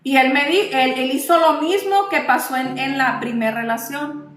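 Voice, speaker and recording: A woman giving an emotional personal testimony to her audience, speaking slowly and repeating her phrases. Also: sits high, a bit bright. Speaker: host of a live talk. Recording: roomy sound with faint music.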